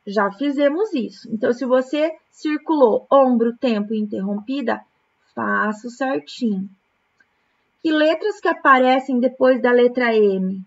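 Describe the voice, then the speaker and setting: A Brazilian primary school teacher leads a recorded lesson for young children, speaking very slowly and patiently in a slightly high voice. While correcting exercises she breaks words into syllables, and the recording sounds a bit dull and lo-fi.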